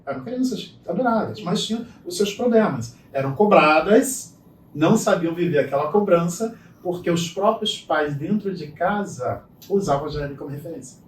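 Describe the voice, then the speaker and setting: Acting out each exchange, a middle-aged man spins animated stories as a guest in a conversation. He speaks at a normal speed with a voice on the high side. The recording is echoey and faintly noisy, from a distant mic.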